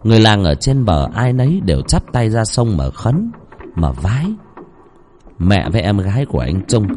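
Expressive male storyteller. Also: lowish voice, a little hiss or hum. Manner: dramatic, expressive delivery. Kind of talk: dramatic ghost story narration.

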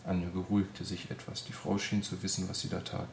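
Deep, gravelly male audiobook reader. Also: fairly quick. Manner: calm, even reading. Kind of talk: scripted narration. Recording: roomy echo, faint hiss.

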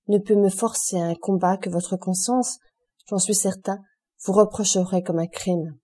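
A woman reading the part of a grave, loyal young male friend, speaking in an earnest, measured way in an audiobook. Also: high voice, mellow.

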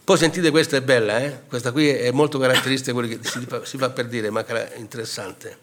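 An older man speaks at a book presentation, telling a story in a halting, unpolished way. He often restarts sentences and breaks off mid-word, then reads passages from a war diary aloud. His voice sits at an ordinary middle pitch. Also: steady tone.

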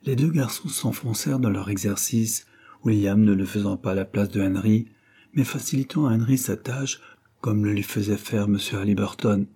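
A man's voice: on the low side, normal speed, breathy edge. A man narrating a classic novel as an audiobook, reading steadily and voicing each character's lines. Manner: steady, even-toned reading that voices each character's dialogue. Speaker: audiobook reader.

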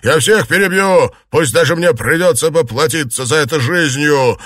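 A man playing a hot-tempered young nobleman who shouts in a fury. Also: a little high, normal speed, no echo, clean studio sound, voice pushed up. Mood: furious. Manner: shouting, raging.

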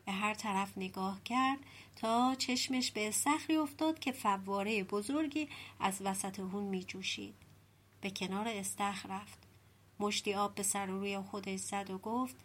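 A woman reading a folk-tale audiobook in an even storytelling voice. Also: mid-range voice. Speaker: audiobook narrator.

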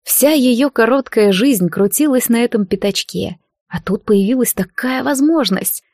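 With no room sound and studio-quality audio, a woman narrates a fantasy audiobook from a script. She tells it in an even, measured way, her pitch fairly high.

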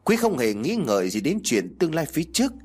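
A male narrator reads a ghost story with a husky, breathy tone. His intonation rises and falls with feeling, measured and expressive. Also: a little high.

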